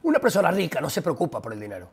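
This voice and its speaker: A young man with a Spanish accent from Spain talks straight to his live-stream audience. He rants bluntly and profanely, with rapid-fire delivery and a slightly raised pitch. His voice has a gravelly, creaky edge. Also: wildly swooping pitch, darkish tone. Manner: blunt, profane, exasperated ranting. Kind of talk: casual live-stream chat ranting at viewers.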